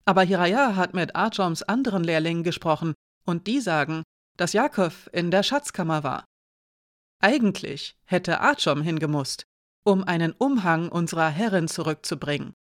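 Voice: medium pitch, animated, normal speed, dry recording, studio quality, close to an everyday voice. A narrator voicing a curious, easily indignant young male apprentice in a storybook reading. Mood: chatty.

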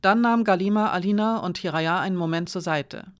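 An audiobook narrator reading a fantasy novel in an even, measured storytelling voice. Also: medium pitch, smooth.

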